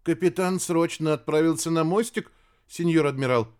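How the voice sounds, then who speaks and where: A man's voice: a little high, moderate pace, darkish tone, smooth, pitched above the performer's own voice, close to an everyday voice. A man voicing a nervous young male radio operator in an audiobook, talking in a shaky, frightened way. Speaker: audiobook character.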